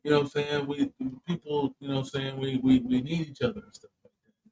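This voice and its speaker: A man's voice: medium pitch, steady tone, fast talker, darkish tone, slight background noise, rough recording. A man, a comedian and co-host, in casual chat, telling a personal story with profane, emphatic asides.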